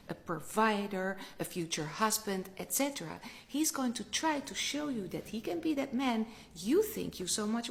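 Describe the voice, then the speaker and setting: A woman with a creaky, mid-pitched voice coaches the listener on dating. She is slick, confident and assertive, laying out clear instructions. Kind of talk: direct-to-listener dating advice.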